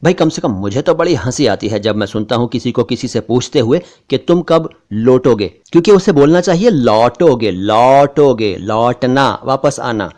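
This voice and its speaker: A man hosting a language lesson, patiently explaining how words are pronounced and saying each word again slowly. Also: medium pitch, animated, a little mellow. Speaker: host and language teacher.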